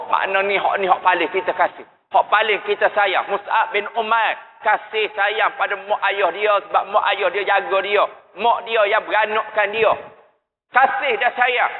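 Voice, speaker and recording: High-voiced male preacher in echoey hall. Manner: emotive storytelling, rhetorical questions to the congregation. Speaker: mosque preacher. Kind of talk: evening sermon with Quran recitation. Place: mosque hall. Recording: echoey mosque hall over tinny lo-fi sound.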